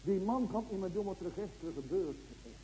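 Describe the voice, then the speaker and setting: Man, preacher, sermon, somewhat high voice, very dark timbre, emphatic questions, loud-to-hushed swings. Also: animated, brisk, a little hiss or hum, rough recording.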